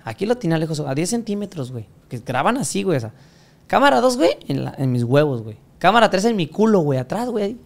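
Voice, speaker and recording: A man's voice: high voice, big pitch swings, fast talker, vocal fry. A young Mexican man with a Mexican accent, telling a crude, slang-filled story in casual chat. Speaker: podcast guest telling his story.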